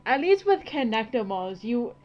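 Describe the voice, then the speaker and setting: Lively high-voiced woman podcaster, lo-fi. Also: moderate pace. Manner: animated, laughs often, exclaims. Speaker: podcast co-host. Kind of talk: casual chat. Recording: dull lo-fi recording.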